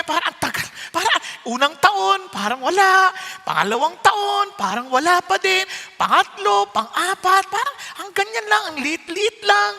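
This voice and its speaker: A man from the Philippines, a pastor preaching a sermon, switching between Tagalog and English with animated, humorous storytelling. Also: extremely high pitch, in a large hall.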